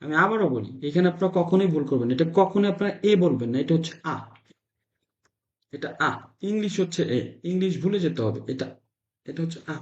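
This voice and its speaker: A man's voice: sits high, lively intonation. Man drilling syllables in an echoey room. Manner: drills syllables in slow repeated chants. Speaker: Italian language teacher. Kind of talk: teaching letter sounds to a class. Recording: echoey room, dull lo-fi sound.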